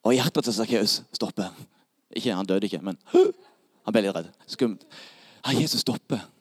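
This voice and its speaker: A man preaching a sermon, retelling a story in a lively, playful way to a gathered audience. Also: fairly low pitch, no echo.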